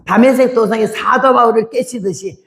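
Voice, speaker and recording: A woman in her eighties, a missionary, giving an animated testimony sermon and acting out the voices in her story. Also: fairly high pitch, normal speed. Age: 80s.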